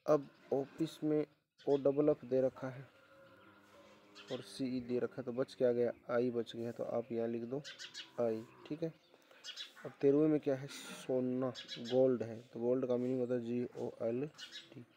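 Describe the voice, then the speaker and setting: A man's voice: medium pitch, little pitch movement, a little slow, warm tone, dull audio, slight background noise. A male teacher going through an exam paper, repeating questions back to his students and spelling words out letter by letter. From India.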